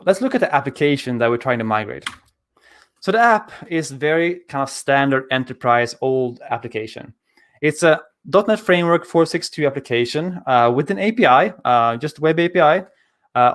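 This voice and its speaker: Speaking briskly in a mid-range voice, this Swedish conference speaker delivers a casual tech talk via video call. He's relaxed and chatty, dropping frequent filler sounds, into a studio microphone mounted on an arm.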